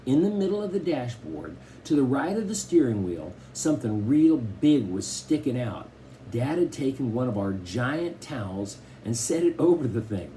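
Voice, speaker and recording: A man narrating a novel in first person with expressive storytelling. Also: mid-range voice, moderate pace, slight background noise. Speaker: audiobook reader.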